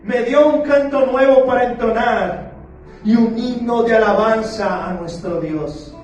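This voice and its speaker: A man preaching a sermon as pastor, playful and questioning, slowing down for emphasis. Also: very high-pitched, a little mellow. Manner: playful, asks the congregation questions, slows down for emphasis. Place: church sanctuary. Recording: very echoey church hall, far from the mic, with music behind.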